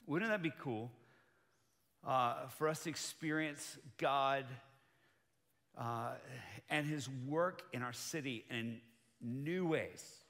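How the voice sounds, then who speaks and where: A man preaching a sermon as pastor, earnest and building to excited emphasis, who grew up in Colombia. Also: mid-range voice, takes it slowly, long pauses, in a large hall.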